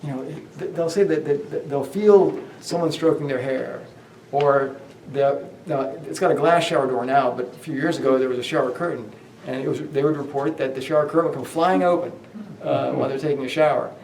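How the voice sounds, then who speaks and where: Rambly ghost tour guy, gravelly voice, lots of uhs, echoey hotel hallway. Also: medium pitch, brisk, few pauses, a little mellow, far from the mic, slight background noise. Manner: rambling, many fillers and restarts. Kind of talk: guided tour storytelling.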